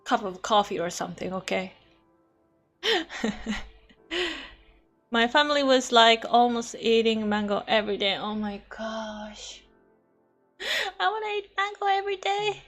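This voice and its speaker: Bright, high-voiced woman streamer, playful. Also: slow pace, pauses often, soft background music. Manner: animated, playful, expressive reactions. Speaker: VTuber streamer reading chat. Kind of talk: casual livestream chat while studying Spanish.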